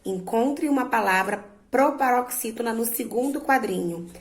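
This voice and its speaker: A woman teacher slowly and patiently walking her students through a worksheet, drawing out words to stress their syllables. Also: fairly high pitch, echoey room, low-quality recording. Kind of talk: remote lesson walking students through exercises.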